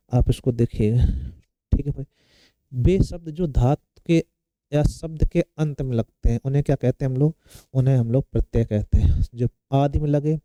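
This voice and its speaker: A man's voice: medium pitch, mellow, no echo, poor audio. A male teacher giving an exam-prep Hindi lesson, asking questions and answering them himself, repeating the key words.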